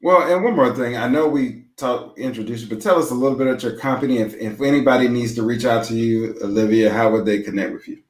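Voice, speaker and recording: Man, co-host, casual chat, folksy, joking, mid pitch, echoey room. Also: fairly even intonation, fast talker, hardly any pauses. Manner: folksy, joking, gives earnest advice.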